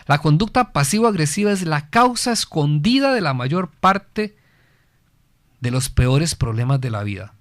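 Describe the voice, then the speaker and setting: Speaking unhurriedly with big pitch swings, a man with a fairly bright, somewhat high voice is recorded at studio quality with no echo. Hailing from Costa Rica and carrying its accent, he hosts a family guidance program, earnestly teaching about parenting through self-answered rhetorical questions and emphatic repetition.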